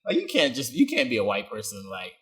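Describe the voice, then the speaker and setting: A man's voice: medium pitch, huge pitch swings, fast, fairly bright tone. A young man co-hosting a podcast, chatting casually, joking and rambling with lots of fillers. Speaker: podcast co-host. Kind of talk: casual chat.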